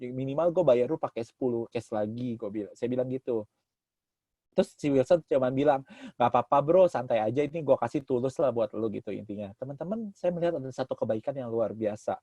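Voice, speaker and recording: A man's voice: medium pitch, a little fast, dark tone, dry recording. A man telling a personal story to an audience as a motivational speaker, acting out the dialogue in a livelier voice.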